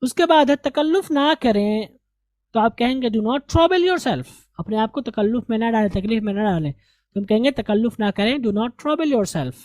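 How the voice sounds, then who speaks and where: A woman teaching a language lesson, slowly drilling pronunciation and repeating each word. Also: a little high, expressive, darkish tone, dry recording. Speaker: English teacher.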